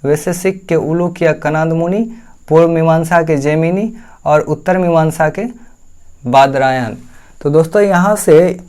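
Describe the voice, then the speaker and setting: A man's voice: a little high, unhurried, a little mellow, clean tone. A young man teaching exam-prep history point by point, asking questions and then answering them himself. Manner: explains point by point, asks and answers his own questions. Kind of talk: lecture.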